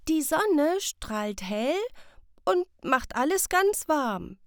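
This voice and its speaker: A gentle storybook mother who talks softly and patiently to her child, as a woman reads her part. Her voice sits a little higher than the narration and has a lively lift. The sound is dry and close. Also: drawn-out words, no echo, full character voice. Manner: soft, comforting, explaining. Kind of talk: storybook reading.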